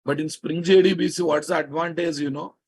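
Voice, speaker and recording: A man with a slightly rough, husky voice and a Telugu accent from India gives a live programming lecture. He is emphatic and instructive, restating key phrases and checking on his class with pointed questions. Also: fairly high pitch, fairly even intonation, brisk, a little mellow. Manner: emphatic, repeats phrases and prods listeners with questions. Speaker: software teacher.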